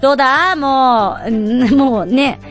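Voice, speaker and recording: A woman hosting a radio show, telling stories in a bubbly, chatty way and acting out quoted voices with high squeals. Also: takes it slowly, faint music behind. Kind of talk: casual chatty storytelling.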